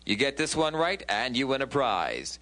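A man's voice: mid-range voice, sing-song, normal speed, sharp tone. A man hosting a game show, speaking upbeat and directly to contestants as he announces questions and results. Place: television studio game show set.

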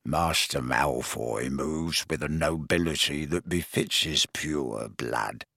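A man voicing a croaking, resentful old male house elf who speaks slowly and grudgingly. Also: pushed and bright, no echo, clean studio sound, heavily acted. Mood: sullen. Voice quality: croaky, low. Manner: slow, grudging, sullen.

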